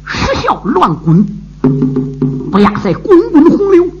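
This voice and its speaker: A male traditional storyteller with a dramatic delivery and a very animated pitch. The sound is dull and lo-fi, and instrumental music is clearly audible behind him. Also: slow. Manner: lively, dramatic.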